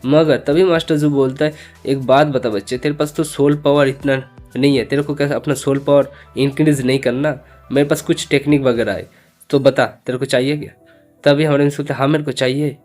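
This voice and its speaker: A man's voice: medium pitch, fairly even intonation, fairly quick, a little mellow, soft background music. A man narrating a comic recap in a loose, slangy conversational way, speaking every character's lines himself. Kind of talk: casual storytelling recap, voicing all characters himself.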